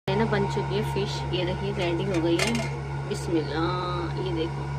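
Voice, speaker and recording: A woman's voice: mid-range voice, very noisy. A woman chatting straight to her viewers in a casual home cooking vlog, talking from her kitchen. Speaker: vlogger.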